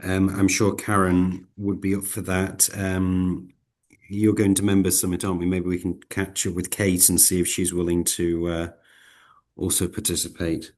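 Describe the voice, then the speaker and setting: A man's voice: sits low, monotone, moderate pace, darkish tone. A man co-organizing an online work meeting, replying briefly and matter-of-factly.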